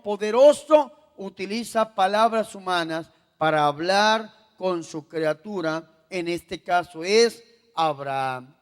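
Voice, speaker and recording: High-voiced priest preaching slowly in echoing church. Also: male voice. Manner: preaching with call-and-response to the congregation; swings from soft to loud exhortation, tells jokes. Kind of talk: sermon. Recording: long hall reverb.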